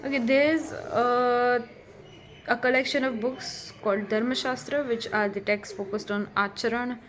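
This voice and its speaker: Slow-talking excitable woman vlogger. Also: a little high. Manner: chatty and excitable, with many restarts and asides. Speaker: vlogger explaining scriptures. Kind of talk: casual explainer vlog.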